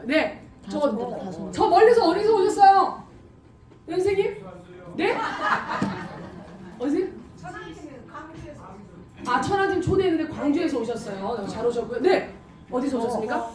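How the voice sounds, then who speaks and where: A middle-aged woman greets a packed audience with lively calls and frequent laughter. Her voice sits high and carries from a distance, ringing around a large echoey hall. A crowd murmurs and claps throughout. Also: normal speed, long pauses. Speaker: event host. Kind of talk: addressing a large audience at a camp.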